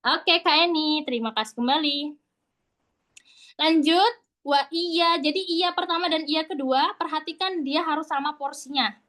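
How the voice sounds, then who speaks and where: Woman recitation teacher, high voice, chatty and patient, demonstrates sounds. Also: moderate pace, a bit bright. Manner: casual, chatty explaining. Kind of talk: online recitation class.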